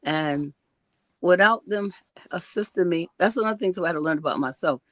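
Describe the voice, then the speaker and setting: A woman's voice: fairly low pitch, fairly quick, no echo. An older woman hosting an interview, chatting casually in a rambling way, repeating words and using slang. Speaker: host.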